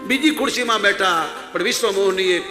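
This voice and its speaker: High, bright-voiced man preaching. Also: brisk. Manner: emphatic, exhorting, addresses listeners as "saheb". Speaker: religious storyteller. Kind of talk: devotional storytelling sermon. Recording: echoey hall with faint music.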